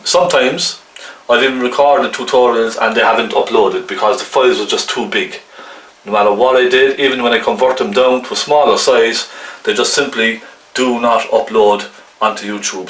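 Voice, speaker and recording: A man giving a casual hands-on painting tutorial in a gentle, chatty, coaxing way, often checking in with the viewer. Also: mid-range voice. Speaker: painting instructor. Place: indoor room, painting at a canvas. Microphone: camcorder at a distance. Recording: roomy, distant camcorder mic, faint noise.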